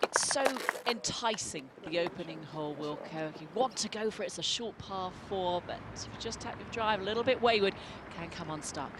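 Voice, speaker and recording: A woman's voice: lowish voice, brisk, heavy background noise. A woman giving live golf commentary.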